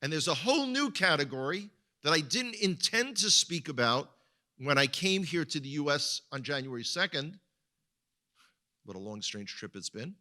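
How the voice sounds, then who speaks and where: A guest speaker at a congregation, this Israeli-accented man delivers a sermon-style talk in a conversational way, frequently repeating words as he hunts for them. His voice sits on the high side, sharp and very animated, at a moderate pace.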